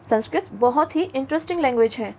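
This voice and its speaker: A woman with a high, light voice teaches schoolchildren in a patient, coaxing way. She keeps checking in with questions, mixes English words into her speech and slows down to pronounce each letter clearly. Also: animated, darkish tone. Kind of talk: classroom lesson for children.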